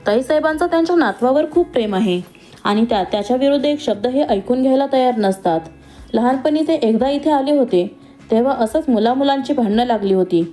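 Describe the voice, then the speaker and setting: Storybook role: woman reading as a cautious, gossipy housekeeper, soft mellow tone, slightly high. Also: expressive, brisk, faint music behind. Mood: confiding. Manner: warning, confiding.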